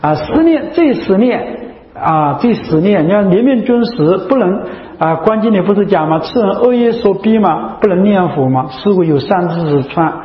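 A man's voice: high voice, expressive, normal speed. A man, a Buddhist monk, giving a chatty, repetitive dharma talk full of rhetorical questions. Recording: echoey hall, dull lo-fi sound.

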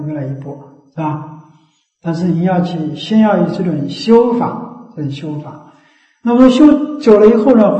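Male Buddhist teacher with a high, warm voice, emphatic with rhetorical questions; roomy, lo-fi sound. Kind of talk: dharma talk. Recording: echoey, dull lo-fi recording.

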